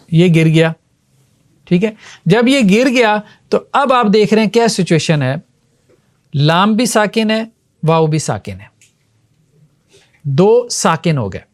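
Male teacher, higher-pitched voice, patient explainer who repeats key terms and quizzes listeners. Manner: explanatory, asks the class questions. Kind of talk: Arabic grammar lesson.

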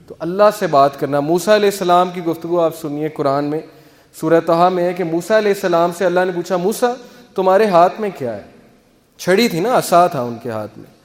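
A male teacher giving an earnest, conversational religious talk, explaining with everyday examples and mixing in English words. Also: high voice. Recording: long hall reverb.

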